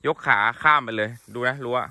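A man's voice: medium pitch, brisk, sharp tone, smooth, dry recording. A man casually narrating a vlog outdoors at a horse paddock, playfully coaxing and teasing his horses and chuckling as he talks. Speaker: horse owner and channel host.

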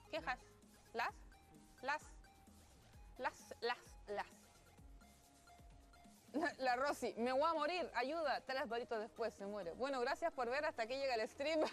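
A woman's voice: high voice, a bit bright. A young Chilean woman hosting a casual gaming stream, chatty and playful, exclaiming and laughing as she plays and reads the chat. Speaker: streamer host.

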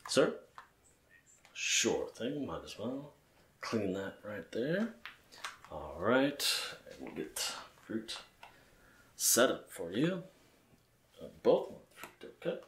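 Low-pitched man, slow ASMR bartender role-play. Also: big pitch swings, reverberant, a little hiss or hum. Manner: polite, attentive customer-service patter. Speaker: ASMR gamer playing a bartender.

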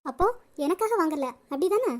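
A woman voicing a jealous, sharp-tongued young woman in a cartoon, snapping and possessive. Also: very high-pitched, animated, a little fast, heavy background noise.

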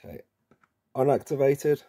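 Here a man with a warm, expressive, medium-pitched voice talks at a normal pace. He's the presenter of a relaxed how-to setup video, leading viewers along one step at a time and calling them guys.

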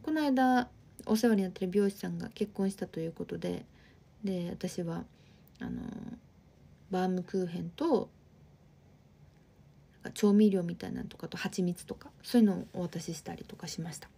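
On a livestream, a woman in her twenties from Osaka, Japan, reads her viewers' comments and chats with them in a friendly Osaka dialect. She speaks at a normal speed with long pauses, and her rather low voice is warm and creaky with a breathy edge.

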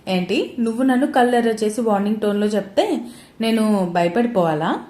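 A woman's voice: mid-range voice, animated, fairly quick, dark tone, echoey room, natural voice. A woman reading the part of a playful, teasing young husband in a spoken romance story. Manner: mocking, bossy teasing.

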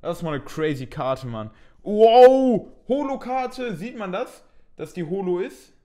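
A young man talks casually through an unboxing, thinking aloud and poking fun at himself now and then. His voice sits a bit high for a man. The delivery is loose and conversational. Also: sing-song, normal speed, a little mellow. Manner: chatty, thinks aloud, mildly self-mocking. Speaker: unboxing video host.

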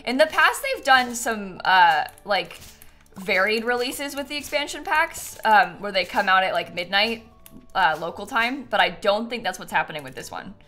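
A woman's voice: mid-range voice, lively intonation, normal speed, bright, forceful tone. A playful young adult woman chatting casually and self-deprecatingly to viewers on a gaming live stream, giggly and close on the mic. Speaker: game streamer, host. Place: small room indoors at home. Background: game music.

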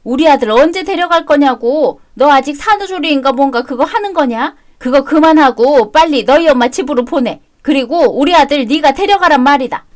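A woman voicing a bossy older mother-in-law who scolds and demands in sharp bursts. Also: sits high, moderate pace, few pauses, pitched above the performer's own voice, lightly acted. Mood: demanding.

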